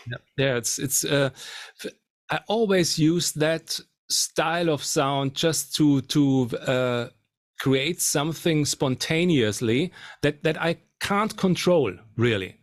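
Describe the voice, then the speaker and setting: A man demonstrating guitar amp settings, explaining in a halting way. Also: a little high. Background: faint guitar playing.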